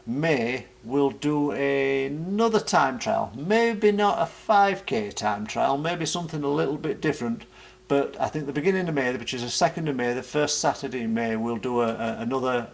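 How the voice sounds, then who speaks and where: A British man giving an informal vlog explanation as a running coach, speaking haltingly and often repeating words. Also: mid-range voice, creaky.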